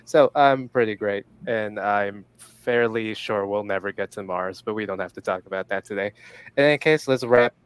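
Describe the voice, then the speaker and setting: A man's voice: on the low side, moderate pace, smooth, dry recording, low-quality recording. A young man hosting a casual talk show in a teasing, sardonic way. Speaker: podcast host.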